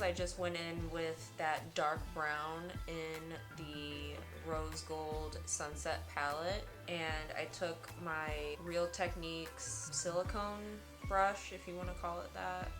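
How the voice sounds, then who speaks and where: Low-voiced woman with a slushy lisp. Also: level tone, slow pace, hardly any pauses, over music. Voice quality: lisp with slushy sh-like s sounds from dental liners. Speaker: beauty vlogger. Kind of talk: makeup tutorial narration, casual.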